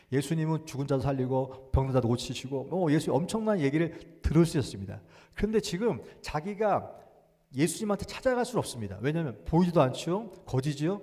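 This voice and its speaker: A man preaching a Sunday sermon as pastor. He moves between loud, urgent exhortation and quiet musing, acts out inner thoughts in a small voice, and drops in short English phrases. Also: fairly high pitch. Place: church sanctuary. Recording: long church reverb.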